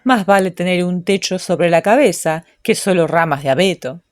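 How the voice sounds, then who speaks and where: A woman's voice: fairly low pitch, moderate pace, no echo, clean studio sound, lightly acted. A woman voicing a poor, hungry duke who mutters his weary thoughts aloud in a storybook reading. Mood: weary, wistful. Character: poor hungry duke, grown man, wistful.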